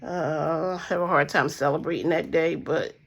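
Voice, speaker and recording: In a low, steady voice at normal speed, with vocal fry and a breathy edge, a stuffy-nosed vlogger chats to camera about her budget. She rambles with fillers and calls her audience guys and y'all. The recording sounds muffled.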